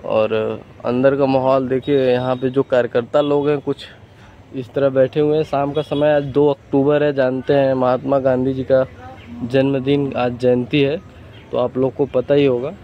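A man's voice: medium pitch, level tone, normal speed. A young man chatting casually to viewers in a walking vlog, filmed outdoors on a phone held at arm's length. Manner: chatty, addresses viewers directly. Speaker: vlogger. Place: outdoors by a highway and fields. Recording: dull lo-fi phone audio, faint outdoor noise.

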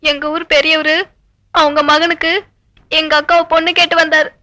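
A woman's voice: high voice, flat delivery, moderate pace, pushed and bright. A young actress playing a worried village girl in a 1980s film, talking tearfully. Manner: tearful, pleading. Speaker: villager, heroine's younger sister.

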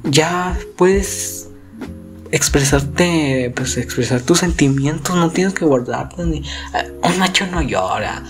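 A teenage boy with a Mexican Spanish accent, talking in an unhurried, drawn-out way. He rambles and swears freely in a joking, casual rant over gameplay. Soft music plays faintly behind him. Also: a little high, animated. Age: teens. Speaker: YouTuber.

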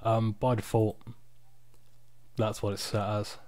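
Male, low-pitched, tired, casual screen-recording walkthrough, unpolished and informal, dry close sound. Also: level tone, slow pace, a little mellow, dry recording. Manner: informal, unpolished, off-the-cuff explaining. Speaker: software tutorial presenter. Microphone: external microphone, close and dry.

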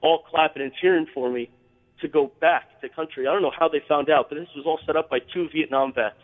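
Fast-talking man calling in by phone. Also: fairly high pitch, steady tone. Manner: earnest, halting, many fillers and restarts. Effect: call-in phone line on air. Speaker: radio show caller. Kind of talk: call-in radio chat. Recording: tinny phone line with long reverb.

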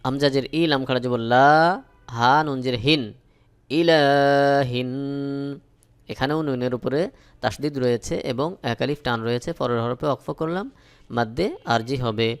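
A man from Bangladesh teaching Quran reading, spelling out letters and reciting verses in slow, drawn-out melodic chant between plain explanations. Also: mid-range voice, smooth.

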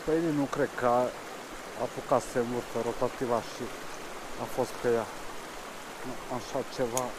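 A man's voice: mid-range voice, level tone. A man, fishing on a mountain stream and giving casual commentary. He mostly mutters to himself, then speaks up to the camera. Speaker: fishing vlogger. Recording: rushing stream noise behind.

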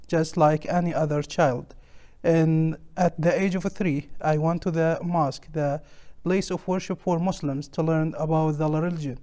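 A man's voice: fairly high pitch, a little mellow. A man, earnestly telling his life story as a guest on a studio interview show, lapel mic. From Syria. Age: 30s. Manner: earnest, simple broken phrasing. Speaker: guest, ministry leader. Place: TV studio set.

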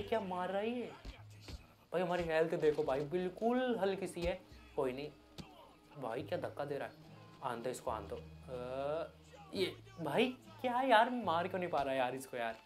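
A man giving loud, excited Hindi gameplay commentary as a gaming YouTuber. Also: a little high. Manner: loud, hyped, yelling at the game.

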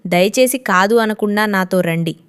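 A woman's voice: mid-range voice, normal speed, clear, resonant tone, natural voice. A woman voicing a kind young orphan man who speaks earnestly and caringly.

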